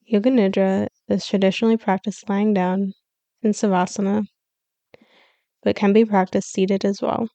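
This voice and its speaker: In this scripted guided meditation, a woman acting as a yoga nidra teacher gives calm, soothing, measured instructions with pauses. Her voice is mid-range with some vocal fry, and there is no echo.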